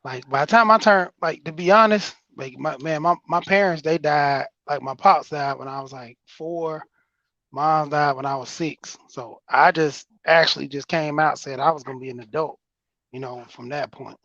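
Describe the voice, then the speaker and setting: A man's voice: a little high, normal speed, bright, forceful tone, no room sound, lo-fi sound. A man with an Atlanta accent, chatting casually, hesitant and trailing off as he restarts sentences. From New Mexico. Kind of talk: casual podcast chat.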